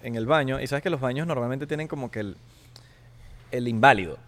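A man's voice: medium pitch, brisk. A man with a Venezuelan Spanish accent, co-hosting a casual podcast, telling stories in a joking, slangy way. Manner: animated, joking, slangy storytelling. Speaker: podcast co-host. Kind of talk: casual chat. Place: Miami.

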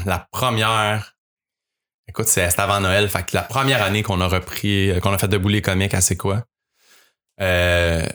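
A young man with a Québécois French accent, a radio writer, chats casually as a guest on a podcast. He rambles with lots of fillers and restarts, in a low voice with a fairly bright tone.

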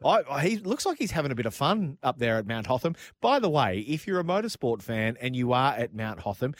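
A man's voice: medium pitch, very animated, a little fast. A man co-hosting a radio show, joking and reading out listener texts. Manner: jokey, reads listener texts with a laugh. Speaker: radio co-host. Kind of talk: casual radio banter.

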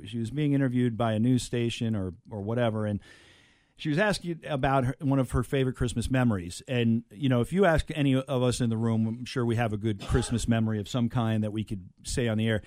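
A man hosting a comedy show, chatting casually and a little haltingly as he introduces clips. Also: medium pitch, darkish tone, no echo. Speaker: host of a comedy clip show.

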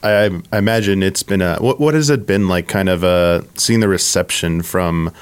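Smooth-voiced sarcastic co-host man. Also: low voice, moderate pace. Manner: sarcastic, chatty. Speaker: podcast co-host. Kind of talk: casual chat.

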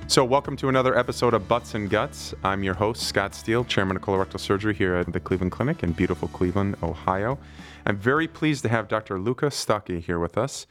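A man's voice: fairly low pitch, quick pace, faint music behind. A man hosting a medical podcast, asking questions in a friendly, conversational way. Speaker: podcast host and surgeon. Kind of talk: podcast interview.

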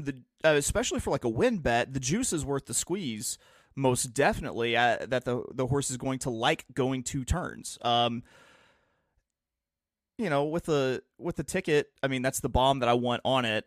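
A man's voice: mid-range voice, a bit bright, no echo, studio quality. A man hosting a casual podcast, thinking aloud through his betting picks in a rambling, restart-heavy way. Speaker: podcast host and horse racing handicapper.

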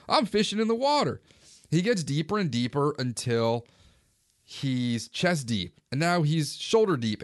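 A man's voice: medium pitch, dry recording, clean studio sound. Man in his forties telling a fishing story. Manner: relaxed, conversational recounting. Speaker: fishing vlogger. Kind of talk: casual first-person storytelling.

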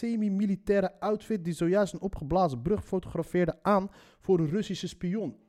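A man's voice: high-pitched, moderate pace, mellow. A man reading a news article aloud and mocking it with sarcastic, sweary commentary.

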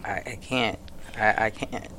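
Very low, halting woman speaking in single words. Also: steady tone, pushed and bright, a little hiss or hum. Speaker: group member.

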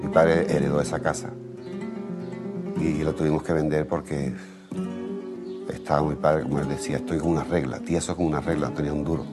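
A flamenco guitarist with an Andalusian accent, telling his childhood memories in an unhurried, reflective way. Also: extremely low pitch. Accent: Andalusian Spanish. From Andalusia, Spain. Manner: unhurried, acts out family quotes in raised voices. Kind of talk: reflective storytelling interview. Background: flamenco guitar music.

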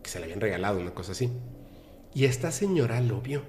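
Un hombre con acento mexicano cuenta una anécdota de forma animada e informal, imitando las voces de la gente que cita. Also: male voice, fairly low pitch, fast, a little hiss or hum. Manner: animated, acts out the people he quotes, laughs often. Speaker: podcast guest. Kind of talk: casual storytelling.

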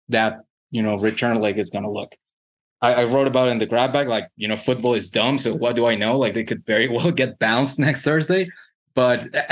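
Halting man talking football on a podcast. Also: medium pitch. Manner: halting, many restarts and fillers. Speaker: podcast co-host. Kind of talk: casual podcast chat.

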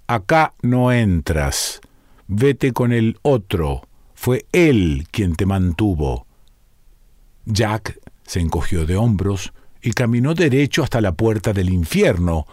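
A man narrating a folk tale aloud in a measured, deliberate storytelling style. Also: medium pitch, darkish tone, no room sound, clean studio sound.

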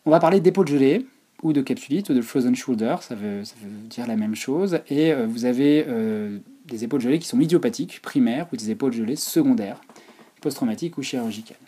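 A man's voice: medium pitch, animated, a little fast, dark tone, husky. A man giving an informal, explanatory online lecture on physiotherapy.

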